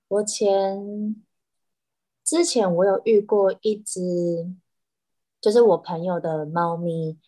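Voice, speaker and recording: A woman's voice: fairly low pitch, darkish tone. A woman, an animal communicator chatting as a podcast guest. She tells stories animatedly, with frequent restarts. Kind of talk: casual podcast chat.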